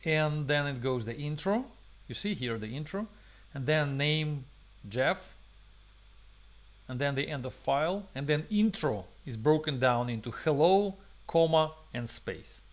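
A man's voice: fairly high pitch, expressive, a little slow. Guy walking thru code on screen, says uh a lot, restarts sentences, talks at a desk mic. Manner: thinks aloud with many fillers and restarts, non-native phrasing. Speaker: webinar host and programming instructor. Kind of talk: live coding tutorial.

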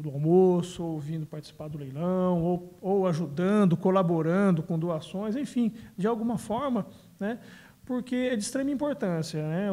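A man's voice: sits high, dark tone. A man, answering interview questions into a handheld microphone, often adding tag words. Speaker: city council president. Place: indoors, small room.

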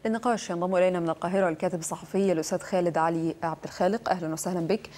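A woman's voice: lowish voice, fairly even intonation, very fast, darkish tone. A woman presenting the news who introduces guests and asks formal questions. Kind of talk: studio news interview.

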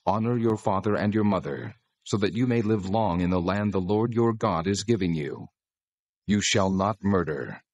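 An actor playing God as a solemn, commanding lawgiver in dramatized scripture, speaking in a measured, authoritative way with a husky voice. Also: male voice, sits low, lively intonation, no room sound, dull audio.

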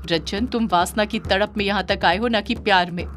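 A woman's voice: medium pitch, fairly even intonation, a little fast, a bit bright, a little hiss or hum, lightly acted. A woman voicing a devoted, defiant female yakshini spirit in an audio horror story, speaking firmly. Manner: firm, defiant.

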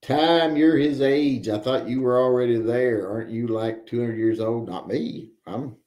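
A man in his forties hosts a live stream from a home room with guns on the wall, reading viewer chat and rambling with wry joking asides. His medium-pitched voice is warm and a little slow, and the sound is roomy.

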